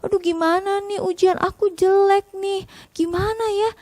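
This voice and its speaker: A whiny, sulky young child, put on by a woman telling a story to children. The voice climbs high and strained, complaining and feeling unloved, recorded close and dry with no room sound. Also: fairly even intonation, moderate pace, darkish tone, dry recording.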